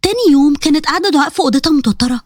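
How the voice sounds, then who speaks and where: Egyptian woman storyteller, brisk and high, dry close mic. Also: animated, dry recording. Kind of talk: scripted narration.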